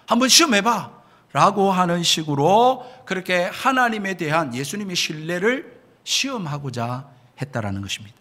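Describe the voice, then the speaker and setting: A man's voice: sits high, sing-song, moderate pace, bright, forceful tone. A man preaching a sermon as pastor, emphatic, often addressing the congregation directly and asking rhetorical questions. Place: church sanctuary.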